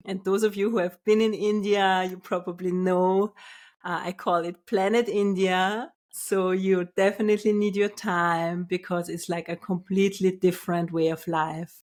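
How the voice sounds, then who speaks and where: A woman from Austria hosting her own podcast, speaking in a calm, measured and soft-spoken way as a spiritual business coach. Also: on the low side. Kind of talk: scripted solo podcast.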